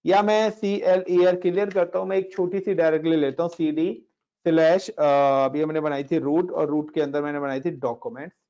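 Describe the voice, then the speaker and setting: A man with a slightly high voice runs a relaxed Linux lesson, chatting his students through each step and dropping in English tech words. The sound is dull and lo-fi. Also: brisk. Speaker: Linux instructor. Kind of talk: casual screen-share class explaining commands. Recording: dull lo-fi recording.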